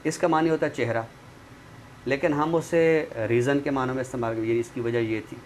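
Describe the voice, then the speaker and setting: Speaking at a moderate pace in a medium-pitched, steady voice, a man appears as a literary expert guest. He teaches conversationally, often tacking on phrases to check that his listener understands. Noise from the room is clearly audible in the recording.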